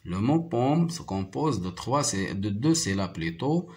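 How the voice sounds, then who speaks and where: A man with a Moroccan accent, whose first language is Arabic, teaching a primary French lesson and slowly repeating each word and syllable. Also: on the low side, sing-song, noisy background. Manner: slow, deliberate, repeats words and syllables. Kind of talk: slow classroom explanation.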